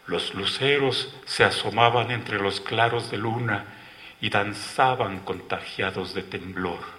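A man narrating a literary story in a slow, measured reading. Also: on the low side, pushed and bright.

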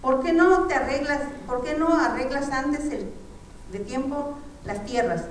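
A woman's voice: high voice, unhurried. A woman doing a frank, motherly neighbor. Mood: concerned, advising. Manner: questioning, giving frank advice. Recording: echoey room, far from the mic, faint noise.

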